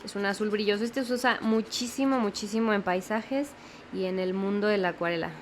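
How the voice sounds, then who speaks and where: A young woman walks through a watercolor lesson, unhurried and patient, checking in with the viewer as she goes. Her voice sits in a middle pitch for a woman. A faint hiss of background noise runs under the recording. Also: steady tone. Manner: patient, explains slowly, often checks in with the viewer. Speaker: watercolor teacher. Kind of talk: step-by-step painting tutorial.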